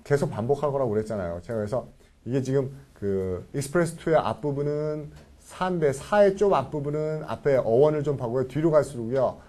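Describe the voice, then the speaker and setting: A man's voice: mid-range voice, brisk, warm tone. A man teaching English vocabulary to a class, talking animatedly and checking in with students again and again.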